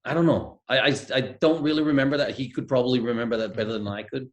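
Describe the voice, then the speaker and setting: A middle-aged man from Denmark, a guest, joins by video call webcam from home and shares stories in a hesitant, reflective conversational way, heavy with fillers. His mid-range voice is fast with fairly even intonation, and the highs are cut off.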